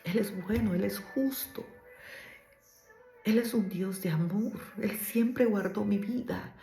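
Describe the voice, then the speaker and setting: A woman's voice: medium pitch, takes it slowly, vocal fry, dark tone, echoey room, faint music behind. A woman giving an emotional faith testimony as a sermon, earnest and repetitive, speaking straight to her listeners.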